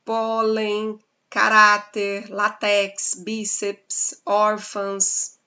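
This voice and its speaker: Bright-voiced Brazilian woman teaching. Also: mid-range voice, completely flat delivery, muffled recording. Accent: Brazilian Portuguese. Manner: explains slowly, spelling out examples with frequent "né?". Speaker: Portuguese teacher. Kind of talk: online class lesson.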